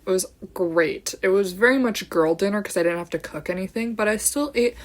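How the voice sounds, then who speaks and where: Young woman, solo podcast host, casual chat, rambling, bubbly, tangent-prone, mid-pitched voice. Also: a little fast. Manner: drifts off on tangents and giggles. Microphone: own camera.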